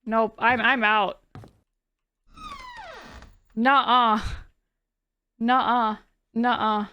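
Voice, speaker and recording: A woman horror game streamer giving chatty, expressive, informal live commentary. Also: fairly high pitch, drawn-out words, lo-fi sound, slight background noise.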